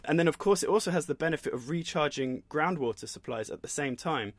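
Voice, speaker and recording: A man's voice: fairly high pitch, animated, fast talker, no echo. A man co-hosting a podcast, asking curious conversational questions. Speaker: podcast co-host. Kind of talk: podcast interview.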